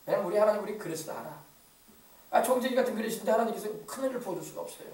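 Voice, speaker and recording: A man preaches with a high, quick voice and rousing call-and-response energy. He speaks with a regional Korean accent from the Yeosu area. His voice echoes through a church sanctuary and is picked up from some distance. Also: expressive, a little mellow. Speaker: pastor. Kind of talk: sermon.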